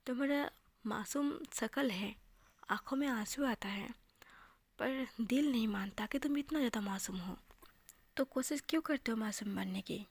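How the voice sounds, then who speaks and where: A woman's voice: on the high side, vocal fry, husky, dry recording. Brief: a woman doing a scornful young man, taunting and cold, raised voice, dry.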